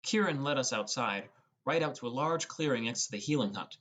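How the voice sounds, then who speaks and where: In this audiobook, a narrator voices a fantasy adventure in the first person, reading from a script at a medium pitch. The delivery is expressive, slightly quick, and somewhat bright.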